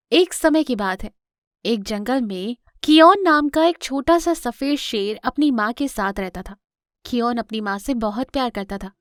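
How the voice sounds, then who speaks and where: A woman narrating a scripted children's cartoon story in a clear, expressive storytelling voice. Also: on the high side, no echo, clean studio sound.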